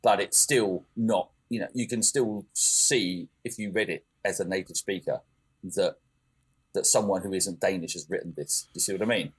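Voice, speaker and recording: A man co-hosts a podcast in a low, breathy voice at a normal speed, captured on a low-quality recording. His talk is a casual chat, hesitant and full of fillers and self-corrections.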